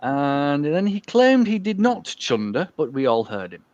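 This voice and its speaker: A man's voice: a little high, sing-song, unhurried, a little mellow, no echo. A man co-hosting a casual podcast, reading a story aloud with wry asides, giggling and stumbling over words. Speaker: podcast co-host. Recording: dull, dry lo-fi call audio.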